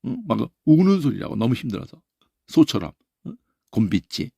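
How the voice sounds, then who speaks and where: A male Bible teacher lectures with a gravelly edge to his voice. He talks in an animated way and keeps checking in with quick "eh?" tags. The recording is dry and close, with no room sound. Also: mid-range voice, dry recording. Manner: animated, peppers talk with questioning "eh?" tags.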